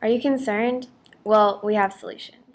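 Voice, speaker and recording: A woman's voice: mid-range voice, steady tone, moderate pace, noisy background. A woman presenting a scripted infomercial in an expository read-aloud delivery.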